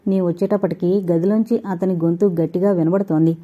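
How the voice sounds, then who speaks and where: A woman voicing a worried, gentle young man in an audio novel, asking soft, concerned questions. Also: on the low side, fairly even intonation, fairly quick, slightly rough, phone-quality sound.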